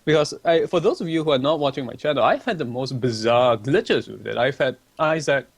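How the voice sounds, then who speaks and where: Reading viewer questions aloud at his desk mic, a young livestream host from Malaysia chats and rambles casually. He sounds animated and a little fast, with a mid-range voice and a breathy edge. No echo is present.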